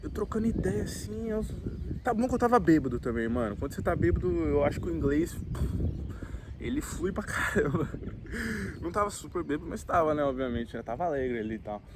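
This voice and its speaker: A vlogger in his late twenties with a Brazilian Portuguese accent talks to the camera outdoors at a campsite in a casual, reflective monologue. He is laid-back and slangy, dropping frequent filler tags, with a fairly high voice and brisk pace over background noise.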